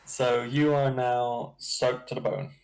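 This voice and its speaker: A man running a tabletop game as dungeon master, narrating in a slow, halting way with chuckles. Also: medium pitch, level tone, a little mellow, rough recording.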